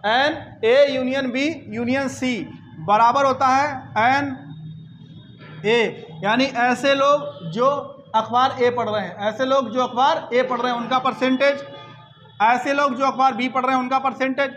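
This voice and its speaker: A man teaching an exam-prep math lesson, repeating each point and checking in with quick questions to his listeners. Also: very high voice, fairly even intonation, fairly bright tone, slight background noise, rough recording.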